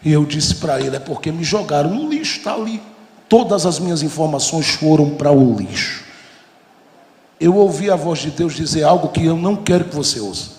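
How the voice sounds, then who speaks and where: A man preaching a fervent sermon with a Brazilian Portuguese accent, on a handheld mic, swelling into shouting. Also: a little high, lively intonation, moderate pace. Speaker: pastor. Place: large church hall. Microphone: handheld microphone. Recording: echoey hall with loud music. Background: loud worship music.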